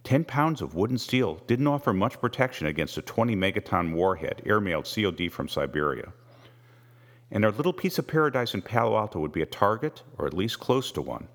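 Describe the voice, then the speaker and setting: A man reading a first-person novel aloud with measured, wry storytelling. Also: on the low side, animated, a bit bright. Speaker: audiobook narrator. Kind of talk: scripted first-person narration.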